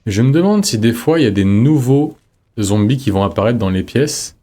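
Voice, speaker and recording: A man's voice: mid-range voice, animated, normal speed, dark tone. A man giving casual let's-play commentary, chatty, reading in-game notes aloud with jokey asides. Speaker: streamer playing a horror game.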